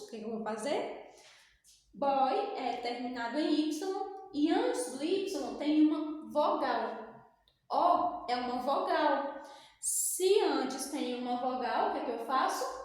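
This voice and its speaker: A Brazilian woman English teacher with a Brazilian Portuguese accent, explaining a lesson step by step and answering her own questions. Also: high voice. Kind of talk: recorded classroom lesson for sixth graders. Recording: very echoey, reverberant room.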